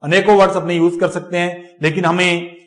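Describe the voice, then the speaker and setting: This high-pitched man delivers his phonetics lecture flatly, slowly repeating words for exam-prep students. He often turns away from the microphone to write on the board.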